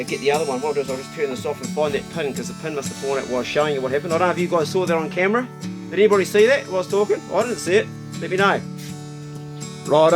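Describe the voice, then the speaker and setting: A man with a broad New Zealand accent and a fairly high-pitched voice talks through a casual vlog. He thinks aloud as he demonstrates, blokey and colloquial, with loose swearing. Music is clearly heard along with his voice. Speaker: outdoor vlogger.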